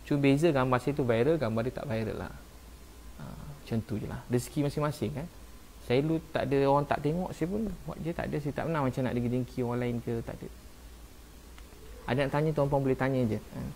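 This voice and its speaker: Soft-spoken Malaysian man talking on a live stream. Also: mid-range voice, quick pace, gravelly, a little hiss or hum. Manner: soft-spoken, earnest and defensive, repeats "ha" and "Masya Allah". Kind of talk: casual live-stream talk answering viewers.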